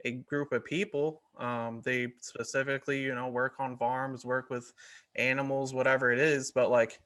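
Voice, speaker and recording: Bright-toned man in loose podcast chat. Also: medium pitch. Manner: loose, filler-heavy, with many likes and ums. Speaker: podcast co-host. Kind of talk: casual opinion chat.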